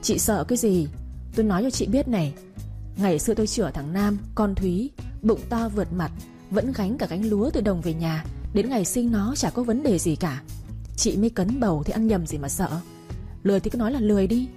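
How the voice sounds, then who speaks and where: A woman's voice: medium pitch, expressive, brisk, warm tone, soft background music, close to an everyday voice. A woman voicing a harsh, scornful older mother-in-law who scolds bluntly and dismissively. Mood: scolding.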